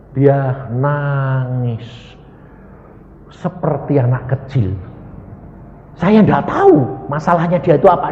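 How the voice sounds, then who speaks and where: A male evangelist preaching, dramatic and swinging from hushed to loud. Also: medium pitch, lo-fi sound. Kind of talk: sermon. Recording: echoey hall with reverb.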